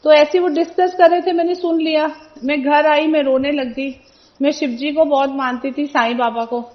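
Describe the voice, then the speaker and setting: Lady in her 40s, high voice, earnest testimony, muffled lo-fi sound. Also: fairly even intonation, moderate pace. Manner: earnest storytelling, acting out quoted people. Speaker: devotee giving a testimony. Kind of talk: personal testimony at a religious gathering. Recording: dull lo-fi recording.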